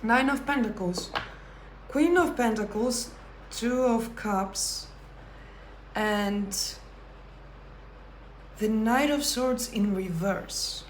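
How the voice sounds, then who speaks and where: Slow, measured woman reading tarot. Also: a little high, roomy sound, slight background noise. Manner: slow, thoughtful delivery with pauses and self-corrections. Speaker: tarot reader. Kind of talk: pick-a-card tarot reading.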